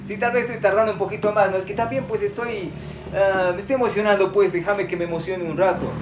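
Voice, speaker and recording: A man's voice: high-pitched, fairly even intonation, quick pace, reverberant, background noise. A man teaching Quechua on a live stream, chatty and upbeat, reading out viewer comments and repeating words.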